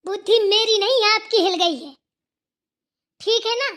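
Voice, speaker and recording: A woman voicing a sharp-tongued, sarcastic young daughter-in-law in a cartoon. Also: extremely high pitch, measured pace. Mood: taunting. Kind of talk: cartoon voice acting.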